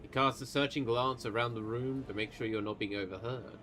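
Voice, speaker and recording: A man's voice: medium pitch, fairly even intonation, brisk, pushed and bright. A man running a tabletop game as game master on a livestream, narrating scenes and asking questions with casual asides.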